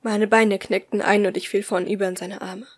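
A woman reading a first-person audiobook aloud in a soft, often hushed voice. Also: mid-range voice, flat delivery, normal speed. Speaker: audiobook reader.

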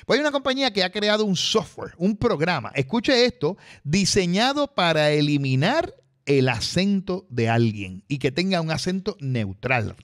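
A man's voice: high voice, very animated, moderate pace, a bit bright. A man presenting a radio technology segment, talking chattily and straight to the listeners. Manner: chatty, addresses listeners directly.

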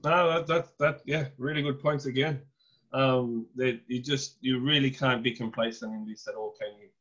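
A man's voice: mid-range voice, fairly even intonation, normal speed, fairly bright tone, dull audio. Man moderating an online panel. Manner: conversational, hands questions to panelists. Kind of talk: webinar panel discussion. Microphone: video call.

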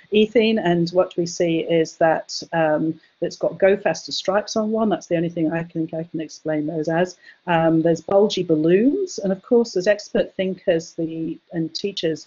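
A woman giving an academic chemistry education webinar, talking hesitantly with many fillers and restarts, her voice going hoarse. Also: lowish voice, darkish tone. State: losing her voice, coughing. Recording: dull lo-fi webinar audio.

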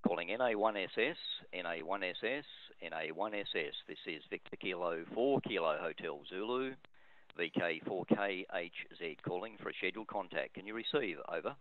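A man's voice: low voice, moderate pace. A man working as an amateur radio operator, calling with formal repeated call signs and passing the turn along. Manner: formal, repetitive call-sign procedure. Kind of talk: ham radio calling and relaying. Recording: very noisy narrow phone-like radio line.

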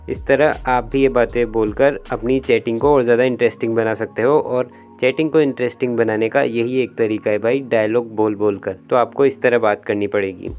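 A man's voice: mid-range voice, darkish tone. Chatty young man giving dating tips. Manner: chatty, instructive, acts out both sides of sample dialogues. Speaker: YouTube dating-tips host. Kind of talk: casual explainer vlog.

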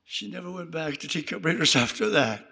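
A male preacher telling stories in a sermon, dramatic and breaking into shouts at the high points. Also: lively intonation, fairly quick, vocal fry, husky. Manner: dramatic, bursts into shouts at climaxes. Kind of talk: sermon storytelling.

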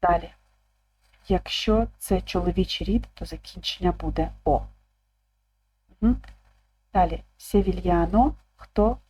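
A woman teacher explaining an online language lesson calmly, repeating each word aloud. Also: on the low side, a little hiss or hum, poor audio. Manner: calm, slow, repeats words aloud.

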